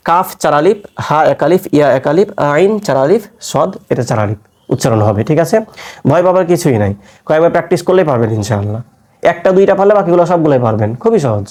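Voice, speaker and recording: A man with a fairly high, animated, slightly mellow voice teaches a Quran recitation class. He explains patiently and stretches letter sounds to demonstrate them. He sounds tired from fasting.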